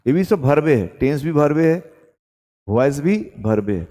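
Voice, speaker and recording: A male tutor teaches a grammar lesson, his mellow voice rising and falling a great deal. He breaks each point down and keeps asking whether the class understands. The sound carries a long reverberant tail. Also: fairly high pitch, very animated, takes it slowly. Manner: explains step by step with frequent check-in questions. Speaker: English tutor.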